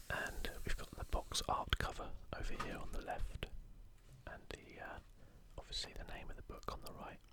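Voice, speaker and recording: The whole clip is whispered: an ASMR host speaks to viewers in an unrushed, soft manner.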